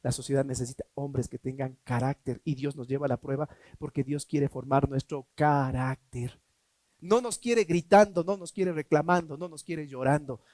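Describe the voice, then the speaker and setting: A man preaching a sermon as pastor, emphatic, swinging between loud and hushed, asking rhetorical questions. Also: medium pitch, dry recording. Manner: acts out quoted voices in a mocking tone.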